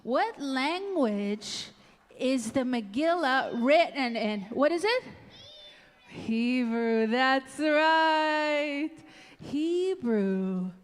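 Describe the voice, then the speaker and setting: A woman with a high voice tells a story to young children in an echoing hall. She is slow and singsong, like a puppet show host, drawing words out and repeating them playfully. Music sounds around her. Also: expressive, smooth. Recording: echoey hall, ukulele music nearby.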